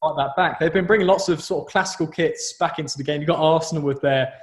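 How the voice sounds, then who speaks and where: Young man, southern English British accent, slightly high voice, chatty and slangy, podcast co-host, roomy echo. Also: quick pace. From southern England. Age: young adult. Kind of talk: casual football chat. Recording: roomy, echoey sound.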